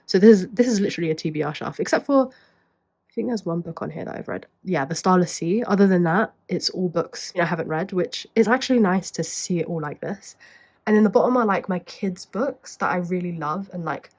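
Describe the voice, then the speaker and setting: A woman's voice: lowish voice, brisk, a little mellow. Stuffy-nosed young woman chatting casually. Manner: rambling, upbeat, fills speech with "like". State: congested, stuffy nose, short of breath. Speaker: book vlogger. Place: at home in front of a bookshelf.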